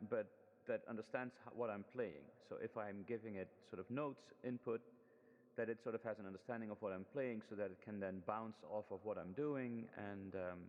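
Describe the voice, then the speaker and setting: A fairly low-voiced man talks through a screen demo in a relaxed, halting way, trailing ums and restarting his sentences. Heavy reverb washes over every word, as though he were speaking in a large hall, and the sound is dull and lo-fi. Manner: hesitant, many ums and restarts. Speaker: student presenting a final project. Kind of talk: casual screen demo walkthrough.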